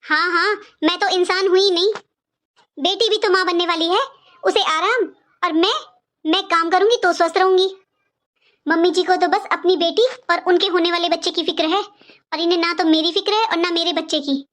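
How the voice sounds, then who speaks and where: A woman voicing a sad young pregnant daughter-in-law in an animated cartoon, talking in a plaintive, complaining, self-pitying way. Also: extremely high pitch, normal speed.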